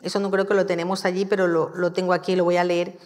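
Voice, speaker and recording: A woman giving a sermon in a church, telling the story in a lively, conversational way. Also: lowish voice, quick pace. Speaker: church speaker. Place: church hall. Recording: long hall reverb.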